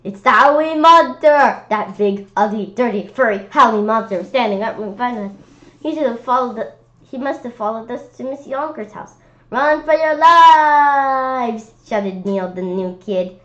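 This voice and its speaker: A woman hosts a children's read-aloud, narrating a storybook with animated expression while often stumbling over and repeating words. Her mid-range voice moves fairly quickly, and the audio sounds dull.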